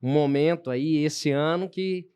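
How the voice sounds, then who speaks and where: A man's voice: on the high side, a little slow, a little mellow, clear, resonant tone. A man, a podcast host speaking in a reflective, preacher-like way. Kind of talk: casual chat.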